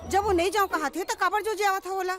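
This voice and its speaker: An actress playing a sharp, questioning middle-aged wife with a Chhattisgarhi accent. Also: female voice, very high-pitched, fairly even intonation, fast talker, faint music behind.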